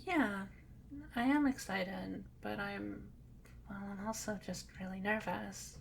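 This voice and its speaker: Woman playing a shy cat girl, slow, stammering, slightly gravelly, soft-spoken, ASMR role-play. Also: mid-range voice, a little hiss or hum. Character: timid shy cat-eared young woman.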